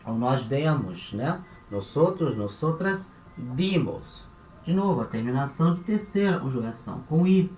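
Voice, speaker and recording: A man's voice: mid-range voice, animated, measured pace, a little mellow. A man from Brazil teaching a Spanish grammar lesson, patient and repetitive, checking in with the listener after nearly every phrase. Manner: patient, repeats points, tags phrases with "né?" and "tá?". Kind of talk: explanatory language lesson. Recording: echoey room with faint ambient noise.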